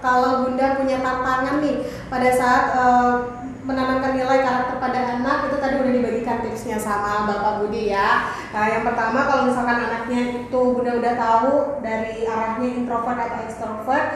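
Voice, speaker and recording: A woman's voice: a little high, level tone, a little fast. A woman hosting a talk show, summarizing tips in a friendly, casual way with fillers. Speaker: host. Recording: very echoey hall with faint noise.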